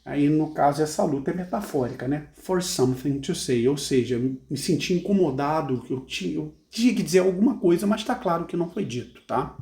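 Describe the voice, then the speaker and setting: A man's voice: a little high, animated, creaky, a little mellow. A Brazilian man with a Brazilian Portuguese accent, patiently explaining song lyrics as an English teacher, tagging "né?" onto his phrases. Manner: reads English lines slowly and carefully.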